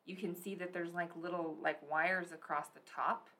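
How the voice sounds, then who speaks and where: A woman's voice: lowish voice, fairly even intonation, moderate pace, pushed and bright. A young woman co-hosting a podcast, chatting casually and telling stories, full of "like" and "so anyways". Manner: chatty storyteller, lots of "like" and "so anyways". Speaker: podcast co-host. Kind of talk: casual chat.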